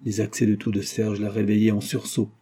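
Husky, dark-voiced man reading a novel. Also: fairly low pitch, monotone, fairly quick. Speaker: audiobook narrator. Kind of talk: scripted narration.

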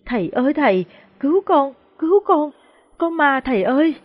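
A terrified young woman, put on by a female storyteller cries out in a high, wailing voice. She is sobbing and clinging for help. The recording sounds dull and lo-fi. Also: very animated, normal speed. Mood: panicked sobbing.

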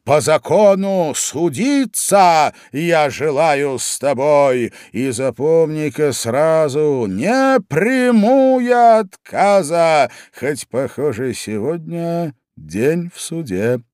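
A man's voice: fairly high pitch, lively intonation, takes it slowly, darkish tone, clean tone, no echo, clean studio sound, voice pushed up. A man voicing a self-important cat who appoints himself judge, speaking pompously and with menace.

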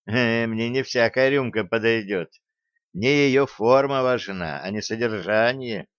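A timid, fussy male scientist , put on by a male audiobook reader, who talks in a higher, hesitant, apologetic voice. The recording is dry and a bit dull. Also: measured pace, fairly bright tone, smooth, no echo, lightly acted.

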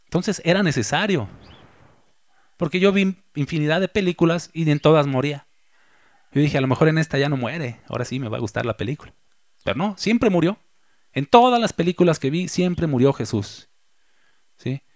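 A man preaching a sermon as a pastor. He reads scripture aloud and slowly repeats the key phrases for emphasis. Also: on the high side, no room sound.

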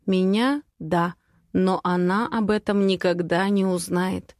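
A young woman reading a first-person audiobook with a steady, intimate voice. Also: lowish voice, unhurried, no echo, studio quality. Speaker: audiobook narrator.

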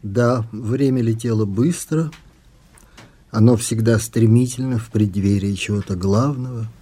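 A man, the author, reading a passage from his own novel in a soft, measured way, after answering interview questions. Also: fairly low pitch, slightly rough.

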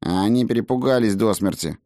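A man's voice: fairly low pitch, brisk, warm tone, no room sound, clean studio sound, pitched above the performer's own voice, lightly acted. A man voicing a wary, grumbling halfling man who speaks bluntly in an audiobook.

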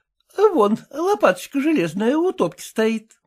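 A woman's voice: sits high, very animated, a little slow, voice pushed up, full character voice. Woman doing a kindly coaxing household cook. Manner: gentle, coaxing instruction.

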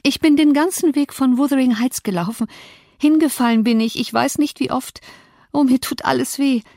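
A woman's voice: moderate pace, warm tone, no room sound. Casting: a woman playing a battered young woman, breathless and agitated, bitter, dry close sound. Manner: breathless, agitated, higher pitched.

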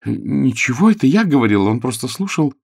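A man reading an audiobook plays a jumpy, suspicious young gentleman who talks in an insistent, agitated way. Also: medium pitch, very animated, fairly quick, vocal fry, husky, no echo, clean studio sound, voice pushed up, exaggerated voice. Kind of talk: audiobook character voice.

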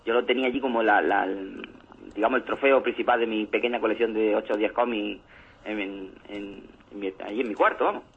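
Guy chatting on radio, husky voice, tinny lo-fi line, acts out bits of comics. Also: lowish voice, fairly quick. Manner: animated storyteller, acts out comic scenes. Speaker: radio show co-host. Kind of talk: casual radio chat about comics. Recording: lo-fi phone-like radio sound.

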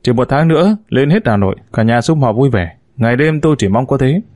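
A glib, scheming husband from a spoken story, read out by a male narrator in his own steady voice. He talks smoothly and persuasively, always trying to win people over. The sound is dry and close, with no room around it. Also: mid-range voice, brisk, dry recording, close to an everyday voice. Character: smooth-talking scheming husband, a con man.

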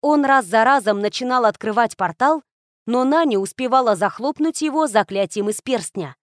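A woman reads a first-person fantasy novel aloud. Her voice sits slightly high and moves at a steady storytelling pace. The sound is dry and close, with no room echo. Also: normal speed. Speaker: audiobook narrator. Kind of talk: scripted first-person narration.

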